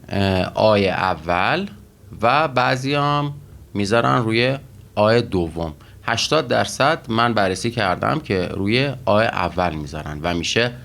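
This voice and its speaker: A man teaching Russian vocabulary and grammar in a methodical way, pausing often with fillers as he explains each word. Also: on the low side, vocal fry, fairly bright tone. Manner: methodical, with frequent pauses and fillers.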